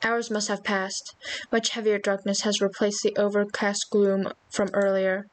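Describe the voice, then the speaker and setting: A woman's voice: medium pitch, completely flat delivery, unhurried, rough recording. A young adult woman streaming, reading visual novel narration aloud and breaking off into chatty asides to her viewers. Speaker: vtuber streamer.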